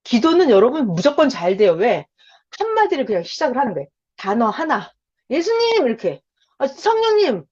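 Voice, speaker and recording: Woman preaching, voice jumps all over, kinda high, acts out little prayers, dull lo-fi sound. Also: fairly quick, husky. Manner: animated, acts out prayers in a bright childlike voice; repeats phrases for emphasis. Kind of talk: sermon.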